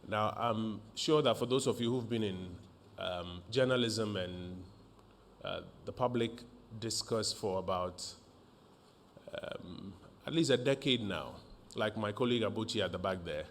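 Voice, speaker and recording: A man, a government minister opening a press briefing in a formal, measured way with frequent fillers. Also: lowish voice, slight background noise.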